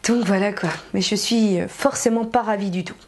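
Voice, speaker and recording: A woman's voice: mid-range voice, steady tone, moderate pace, a little mellow. A young woman casually reviewing cheap earrings in a chatty, frank way, full of fillers and slang. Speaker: beauty vlogger.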